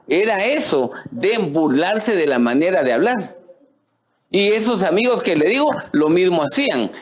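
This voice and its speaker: A middle-aged Guatemalan pastor preaching in a chatty, folksy way. His voice sits high for a man and swings up and down a lot, and he keeps calling out "hermano" to his listeners. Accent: Guatemalan Spanish. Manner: folksy, addresses listeners as "hermano", many fillers and restarts. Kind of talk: conversational sermon.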